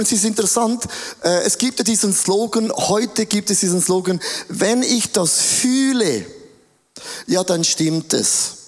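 A man preaching a sermon in an animated, playful way, acting out little scenes. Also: high-pitched. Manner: animated, playful, acts out quotes. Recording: reverberant hall.

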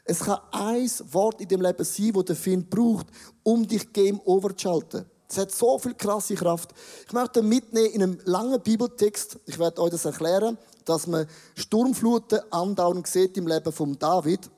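A man's voice: high-pitched, moderate pace, mellow. A middle-aged man with a Swiss German accent, preaching a sermon and speaking directly and emphatically to the congregation. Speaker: pastor.

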